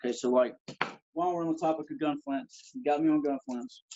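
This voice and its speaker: A fast-talking man with a fairly high pitch and a dark tone leads a live flintknapping demonstration over a video call. His intonation stays fairly even as he shows each step with his hands in a practical way. The phone recording is lo-fi.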